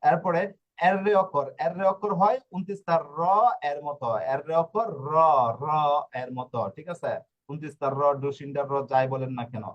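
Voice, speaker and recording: In a lo-fi recording, a man with a slightly high voice moves at a moderate pace through the Italian letters for a Bengali-speaking audience. His teaching is repetitive, and he often stops to check comprehension by asking "ঠিক আছে?".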